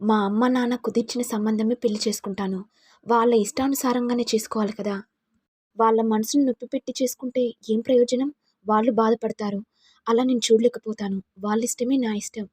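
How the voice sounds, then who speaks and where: A woman's voice: fairly high pitch, fairly quick, husky, no echo, studio quality. A woman voicing a dutiful young female student who speaks earnestly and respectfully. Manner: earnest, respectful, excited chatter.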